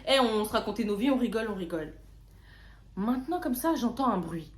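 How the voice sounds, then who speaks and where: Young woman telling a lively storytime. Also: on the high side, a little fast. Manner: lively storytelling, slangy, often repeats words. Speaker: vlogger. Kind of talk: casual storytime narration. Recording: roomy echo.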